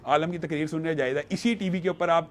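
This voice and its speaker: Earnest male scholar arguing a point. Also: on the high side. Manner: earnest, argumentative, quotes scripture. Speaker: religious scholar. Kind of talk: panel discussion.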